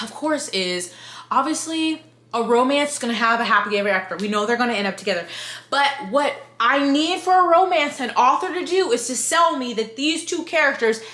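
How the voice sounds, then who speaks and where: A drunk woman in her thirties giving a rambling, exasperated, sweary book review rant in an animated, emphatic way. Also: on the high side. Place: living room with bookshelves, indoors. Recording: roomy home echo.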